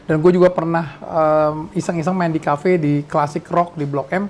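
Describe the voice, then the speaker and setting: A man's voice: fairly high pitch, flat delivery, moderate pace, darkish tone, a little hiss or hum. A man in his sixties from Indonesia, hosting a podcast and reminiscing in casual chat, rambling with many restarts. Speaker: podcast host.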